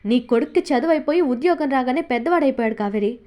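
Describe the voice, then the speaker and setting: A woman reads a domineering middle-aged father from a novel, full of scorn and command. The voice sits high and bright. The reading is steady. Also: fast. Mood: scornful anger. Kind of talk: audiobook character reading.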